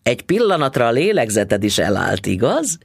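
A man's voice: mid-range voice, sing-song, creaky, breathy edge, no room sound, clean studio sound, heavily acted. A man voicing a smug, stingy middle-aged male dentist who talks down to his wife. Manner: patronizing.

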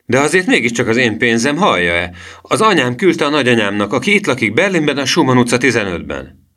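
A man voicing an agitated young boy in an audiobook reading, with shrill, excited outbursts. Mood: indignant.

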